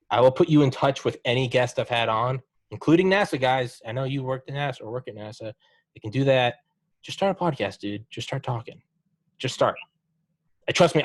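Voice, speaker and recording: A young man hosting a podcast, chatting casually with a guest, swearing freely and telling stories with animated encouragement. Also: medium pitch, dry recording. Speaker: podcast host. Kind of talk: casual chat.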